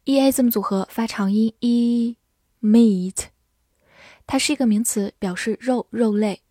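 A young woman teaching English vocabulary in a scripted lesson, spelling each word letter by letter and reading example sentences slowly. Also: fairly high pitch, mellow, dry recording, studio quality.

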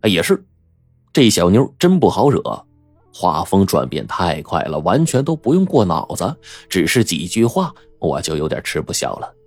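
A man narrating a first-person story in a wry, lively storytelling manner. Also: sits low, normal speed, breathy edge, no room sound.

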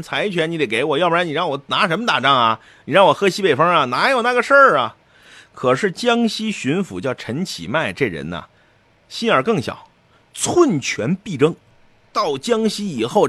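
A man's voice: fairly high pitch, fairly bright tone, no echo. A man giving a colloquial, jokey storytelling history lecture.

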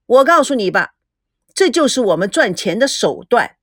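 A woman voicing a sneering male tabloid reporter with a taunting, drawn-out mocking delivery. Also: fairly high pitch, sing-song, dry recording, clean studio sound.

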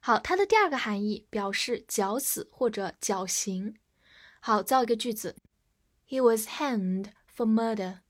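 A woman's voice: on the high side, expressive, unhurried. A woman teaching English vocabulary in a recorded lesson, spelling words letter by letter and having listeners repeat after her.

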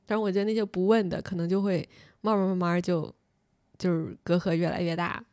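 A woman's voice: lowish voice, steady tone, warm tone, dry recording, clean studio sound. A young woman telling a story about school friends in casual podcast chat, full of fillers and restarts. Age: young adult. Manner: rapid storytelling with many fillers. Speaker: podcast host.

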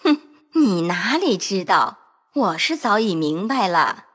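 A woman's voice: on the high side, very animated, measured pace, a bit bright, husky, exaggerated voice. A woman in her twenties voicing a proud, bitter young noblewoman who sighs and speaks in a cutting, melancholy way in an audio drama. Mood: despairing. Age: 20s.

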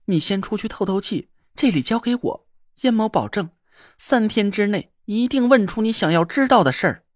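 A man voicing a stern middle-aged military commander who gives brisk orders. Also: high voice, lively intonation, no room sound, clean studio sound, voice pushed up. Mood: urgent. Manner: brisk, commanding, a bit louder.

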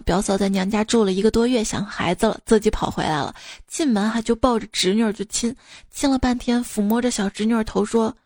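A woman radio host reading out listeners' jokes in a lively, amused storytelling manner. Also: mid-range voice, dry recording, clean studio sound.

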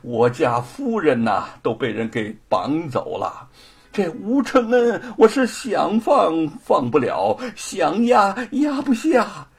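A man's voice: on the high side, sing-song, takes it slowly, creaky, husky, exaggerated voice. A man voicing a cowardly middle-aged male prefect who whimpers and sighs in panic. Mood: panicked, fretful. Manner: wailing, whimpering, sighing.

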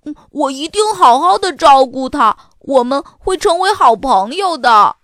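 Woman voicing a young storybook boy, excited, loud, slightly high, slow, dry sound. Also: no echo. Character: eager young boy pet sitter.

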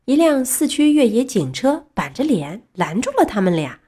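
A woman reads a children's storybook aloud, her voice rising and falling a great deal as she tells it. Her delivery is lively and expressive, aimed at young listeners. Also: fairly high pitch, moderate pace, slightly rough. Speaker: narrator.

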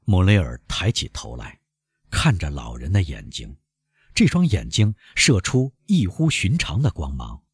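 Brief: male audiobook narrator, very low, husky, slow and wide-ranging, dry close sound. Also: no room sound. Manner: measured, expressive storytelling.

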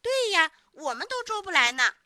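A woman's voice: very high-pitched, big pitch swings, normal speed, bright, forceful tone, no echo, clean studio sound, voice pushed up, heavily acted. A woman voicing a group of village children chanting teasing rhymes in a storybook. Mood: taunting. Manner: taunting, sing-song chanting.

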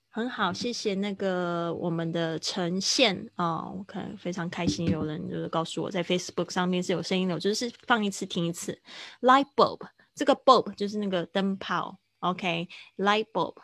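Teacher: woman, low gravelly voice, dry close sound, slow drilling of vocabulary on a livestream lesson. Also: no room sound. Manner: explains slowly, repeats words for drill. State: hiccuping. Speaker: English teacher.

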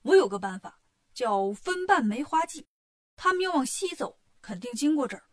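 A woman's voice: high-pitched, very animated, moderate pace. A woman voicing a crafty little male demon minion who wheedles his boss in a children's storybook tale. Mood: scheming. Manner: wheedling, persuasive.

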